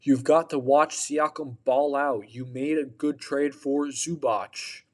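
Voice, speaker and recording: A tired man hosting a podcast, giving opinionated casual sports commentary with a drawn-out delivery. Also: medium pitch, steady tone. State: tired, yawning. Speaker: podcast host.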